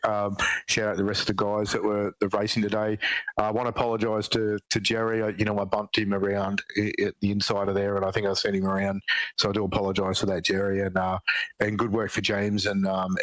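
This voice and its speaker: A man from Australia, a racing driver, talking in a relaxed, rambling way with many fillers after the race. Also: on the low side, fairly quick, no echo, poor audio. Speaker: race driver, second place. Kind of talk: post-race interview.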